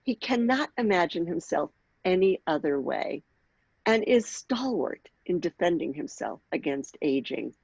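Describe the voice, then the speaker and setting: A woman in her sixties leading a workshop on aging, speaking in a measured way and clearing her throat now and then. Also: lowish voice, a little mellow, dry recording, muffled recording. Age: 60s. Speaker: workshop leader and author. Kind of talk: workshop talk with read-aloud passage.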